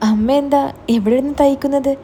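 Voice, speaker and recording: A woman's voice: high voice, steady tone, quick pace, dark tone, slight background noise, close to an everyday voice. A woman reading a stern questioning older brother. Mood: stern suspicious. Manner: stern, interrogating. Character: young adult man, stern suspicious older brother.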